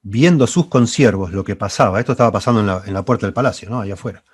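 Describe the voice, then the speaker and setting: A man's voice: lowish voice, fast talker, husky, dry recording, clean studio sound. A man teaching a church Bible class, reading scripture aloud and explaining it while repeating key phrases.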